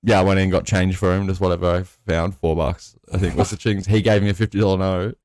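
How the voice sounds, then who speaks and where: A man's voice: deep voice, flat delivery, quick pace, a little mellow, no room sound, clean studio sound. A young man casually telling a rambling, sweary story on a podcast. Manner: sweary, rambling, laid-back. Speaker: podcast co-host.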